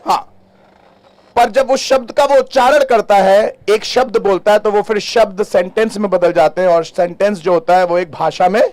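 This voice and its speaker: A man's voice: high-pitched, moderate pace, a little mellow, dry recording. A male pastor preaching a sermon in a church, asking the congregation questions and mixing in English phrases. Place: church hall.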